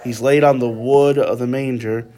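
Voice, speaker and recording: A man's voice: medium pitch, fairly even intonation, normal speed, warm tone, a little hiss or hum. Man leading a casual Bible study. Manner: conversational, frequent "like" and "right?" tag questions.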